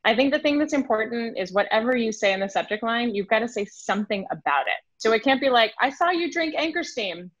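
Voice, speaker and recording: Her first language is French, and this thirtysomething sales consultant from Switzerland guests on a podcast interview by video call from a room at home. She's quick, animated, and acts out emails while gesturing, her pitch fairly high. The video call audio is dull and dry, with no room sound.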